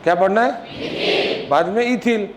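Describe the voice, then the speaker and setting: A man teaching a chemistry class in a classroom, firing repeated questions at students and scolding them when they are slow to answer. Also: high voice. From Maharashtra, India. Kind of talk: classroom lecture. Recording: noisy classroom recording.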